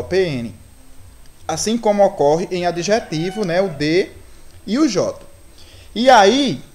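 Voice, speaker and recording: A woman's voice: mid-range voice, darkish tone. A woman with a Brazilian accent teaching a Portuguese grammar lesson, explaining step by step and often checking in with her students. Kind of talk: recorded online lesson.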